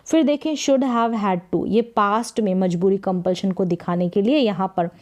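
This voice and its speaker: A woman teaching English grammar to learners, explaining each rule and repeating key phrases. She says her English example sentences slowly and clearly. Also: mid-range voice, darkish tone.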